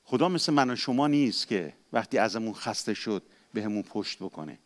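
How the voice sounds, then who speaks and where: Impassioned male preacher, hushed to booming. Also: animated. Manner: impassioned preaching, swinging from hushed to loud and emphatic; acts out quoted speech in dramatic voices. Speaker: pastor. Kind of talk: sermon.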